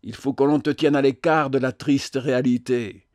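A man's voice: mid-range voice, fairly even intonation, moderate pace, darkish tone, dry recording, studio quality, natural voice. A man voicing a theatrical, self-pitying man, with declamatory, sarcastic delivery.

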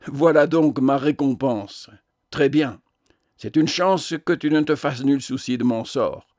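A man's voice: mid-range voice, unhurried, darkish tone, dry recording, clean studio sound, lightly acted. A man voicing a theatrical, self-pitying man, with declamatory, sarcastic delivery. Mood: bitter.

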